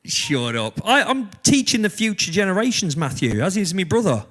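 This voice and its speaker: High-voiced self-mocking man. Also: sing-song, normal speed, a bit bright. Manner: self-mocking, laughs often. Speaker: band livestream host and singer. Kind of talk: casual banter. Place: home kitchen.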